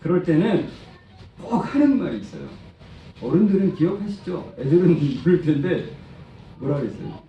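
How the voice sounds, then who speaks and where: Preacher and praise-song lyricist, this man speaks at a moderate pace in a voice on the high side with big pitch swings, quizzing children and adults and acting out quotes. The recording, made in an echoey church sanctuary with a distant mic, has faint noise and cut-off highs.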